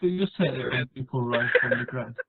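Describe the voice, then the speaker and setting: Male podcast co-host, teasing questions, casual chat, phone-like sound. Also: mid-range voice. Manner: teasing, asks quick questions. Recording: phone-like line with faint noise.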